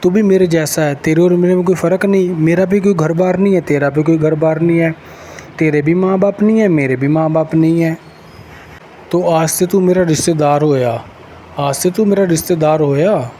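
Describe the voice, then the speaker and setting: A man's voice: on the high side, normal speed, dark tone, a little hiss or hum, natural voice. A man voicing a lonely homeless wolf. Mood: affectionate. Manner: simple, earnest, affectionate. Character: lonely homeless male wolf talking to God.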